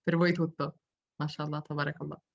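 A woman's voice: sits low, flat delivery, brisk, gravelly. A woman in her twenties chatting casually as a podcast guest, with effusively thankful, devout turns of phrase. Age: 20s. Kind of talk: casual interview chat. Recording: dull lo-fi call audio.

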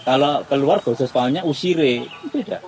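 Animated Javanese man, lively pitch. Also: brisk, poor audio. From Java, Indonesia. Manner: emphatic, animated, repeats words for emphasis. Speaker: guest, interpreter and polyglot. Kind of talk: casual interview chat.

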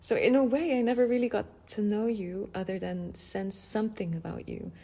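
A woman's voice: mid-range voice, fairly even intonation, moderate pace, mellow, slightly rough. A woman from the Netherlands, an intimacy coach and podcast guest, talking directly and laughing often. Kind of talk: casual podcast conversation.

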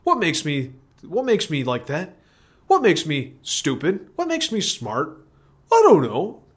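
A man hosting his own broadcast in a rambling stream-of-consciousness monologue, repeating phrases and swinging between loud outbursts and low mumbling. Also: wildly swooping pitch, measured pace, husky. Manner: erratic, swings from shouting to mumbling; repetitive, free-associating, self-questioning. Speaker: solo broadcaster.

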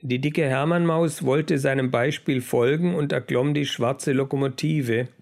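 A man reading a children's book aloud in a measured storytelling manner. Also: mid-range voice, fairly even intonation, gravelly, a little mellow. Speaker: narrator. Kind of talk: audiobook narration.

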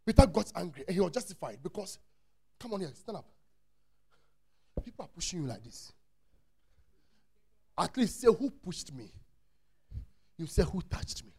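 Gravelly, lively-voiced preaching man. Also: sits high, normal speed, pauses often. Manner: emphatic preaching with repeated words and rhetorical questions. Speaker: pastor. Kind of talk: sermon. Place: church.

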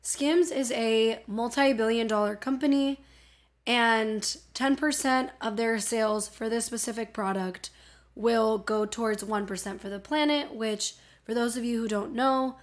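Slow-paced woman podcaster with a Miami accent. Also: fairly high pitch. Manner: informal, playful, self-deprecating. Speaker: podcast host. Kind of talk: casual solo podcast chat.

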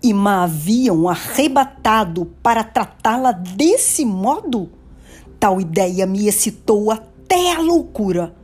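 Slow expressive woman storyteller. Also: medium pitch, breathy edge. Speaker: narrator. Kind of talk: dramatic reading of a romance novel.

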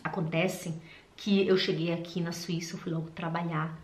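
A woman voicing a woman coworker in a lower, subdued tone, recorded with a roomy echo. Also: flat delivery, normal speed, lightly acted. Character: blunt woman coworker who later softens.

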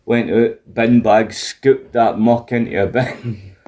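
A man's voice: medium pitch, steady tone, slow, warm tone. A man with a broad Scottish accent chatting casually and telling stories in a coarse, sweary, colloquial way. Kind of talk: casual chat, animated storytelling.

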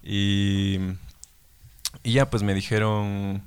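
A man's voice: fairly low pitch, flat delivery, drawn-out words, clear, resonant tone. A man with an Ecuadorian accent chatting casually on a podcast, using lots of slang and telling a story about his first job. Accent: Ecuadorian Spanish. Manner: slangy, laughs along, tells his own story. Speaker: podcast co-host. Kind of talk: casual comedic chat.

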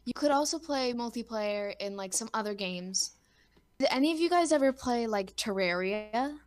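A woman's voice: fairly high pitch, animated, normal speed. A young woman hosting a casual podcast chat, talking loosely with lots of fillers and restarts. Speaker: podcast host.

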